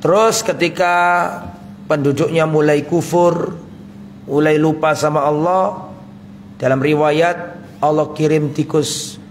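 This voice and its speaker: A man delivers a relaxed sermon in a fairly high voice, often asking his listeners questions and answering them himself. Faint room ambience sits behind him. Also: slow pace, slight background noise. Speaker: ustadz giving a religious study talk. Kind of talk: casual sermon with questions to the audience.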